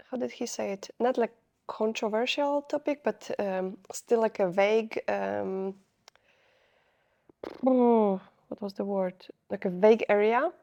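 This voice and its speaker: Speaking off the cuff to camera, a young Polish-accented vlogger rambles in a mid-range voice that is creaky and a little mellow. She frequently stops to hunt for the right word.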